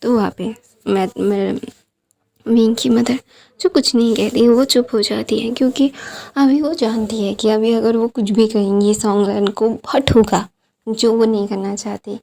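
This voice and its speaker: A woman's voice: on the high side, steady tone, normal speed, vocal fry, warm tone. A woman casually retelling a fan story, rambling with many fillers and English words mixed in. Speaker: storyteller, channel host.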